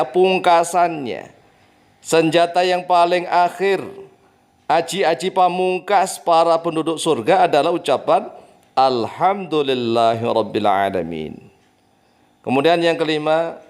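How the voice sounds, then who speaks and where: A middle-aged man, preaching and softly chanting Arabic phrases. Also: a little high. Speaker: Islamic preacher and teacher. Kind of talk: religious talk.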